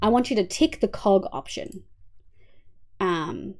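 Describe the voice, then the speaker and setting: Speaking slowly in a darkish, mid-range voice, this young Australian streamer stays animated as she chats with her audience and walks them through settings. She sounds congested and nasal, addresses chat directly, and hums along to herself.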